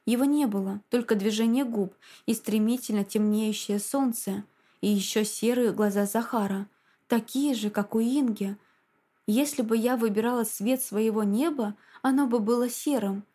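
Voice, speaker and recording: A woman narrating a novel in a measured, quiet, dramatic reading. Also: a little high. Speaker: audiobook narrator. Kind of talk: scripted narration.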